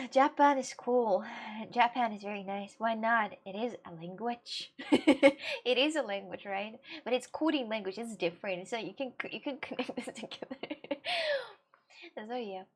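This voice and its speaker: A Russian-speaking woman streams live and chats casually with her viewers, giggling and rambling with plenty of fillers and restarts. Her voice is a little high and her pace moderate.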